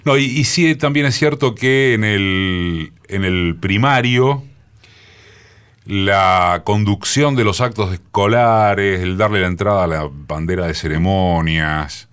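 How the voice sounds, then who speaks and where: Booming deep-voiced Rioplatense man in his 60s. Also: a bit bright, clear, resonant tone. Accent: Rioplatense Spanish. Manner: unhurried storytelling with many pauses. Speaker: radio journalist guest. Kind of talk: reminiscing interview talk. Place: radio studio.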